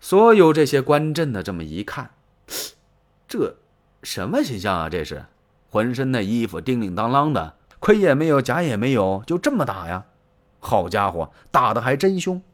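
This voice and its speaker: Animated storyteller man. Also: mid-range voice, normal speed. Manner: animated, colloquial, dramatic. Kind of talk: traditional pingshu storytelling.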